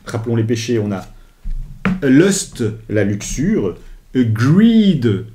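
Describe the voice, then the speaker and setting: A man co-hosting a board game review, explaining the rules in casual chat, animated and often correcting himself mid-sentence. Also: mid-range voice, takes it slowly, over a noisy crowd. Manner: animated, self-correcting, finishes his partner's sentences.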